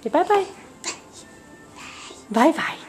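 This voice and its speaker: A woman's voice: very high voice, very animated, slow. A woman filming her toddler at home, coaxing her in repetitive, sing-song baby talk and laughing often. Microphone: handheld camera. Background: faint music.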